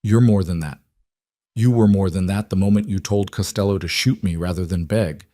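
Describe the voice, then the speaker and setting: A man voicing a possessive, wounded male mafia boss who speaks quietly and intensely. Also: sits low, steady tone, moderate pace, no echo, studio quality, close to an everyday voice.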